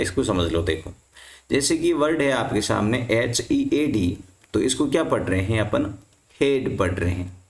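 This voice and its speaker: A man teaching a class, putting a question to his students and then answering it himself. His voice sits in a middle register. The room around him is echoey. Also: medium pitch. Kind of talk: explaining English reading rules to students.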